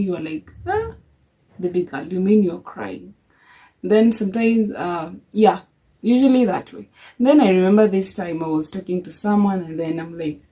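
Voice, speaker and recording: A woman's voice: lowish voice, warm tone, poor audio. A young woman vlogging a heartfelt faith reflection, earnest, telling personal stories with many restarts.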